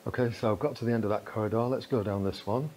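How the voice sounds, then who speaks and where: A vlogger races through a casual, chatty commentary in a lowish, slightly mellow voice while filming a walkie-talkie test in a residential building's corridors. The recording is rough, with background noise clearly audible.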